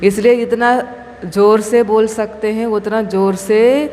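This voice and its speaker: A Jain nun leads a scripture recitation class in a temple hall, patiently correcting pronunciation syllable by syllable. Her voice is a little high, mellow and fairly even, and she speaks a little slowly, with long hall reverb and faint room noise.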